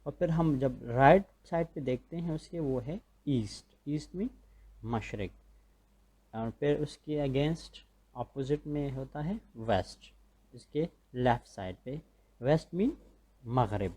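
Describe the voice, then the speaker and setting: Male teacher, Pakistani accent, patient explainer who keeps checking understanding, mellow mid-pitched voice. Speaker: school teacher. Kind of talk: recorded classroom lecture.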